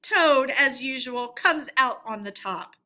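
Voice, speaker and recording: A woman's voice: high-pitched, lively intonation, slow, pushed and bright, exaggerated voice. A woman voicing a conceited, reckless male toad in a storybook, with a theatrical manner that shifts between wheedling and boasting. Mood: gleeful, smug.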